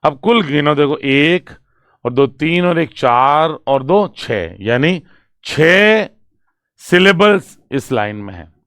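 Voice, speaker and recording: A male literature teacher who explains a poem's structure in Hindi. He reads the lines slowly and with stress, then breaks them down for exam students and keeps asking whether they follow. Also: fairly high pitch, expressive, fairly bright tone, smooth, dry recording, studio quality. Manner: asks students check questions, writes on a board. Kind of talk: exam-prep poetry lecture mixing Hindi and English.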